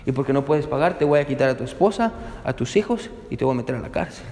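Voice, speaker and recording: A man voicing a stern king who demands what he is owed, speaking low and hushed in an echoey hall. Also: lively intonation, quick pace, natural voice.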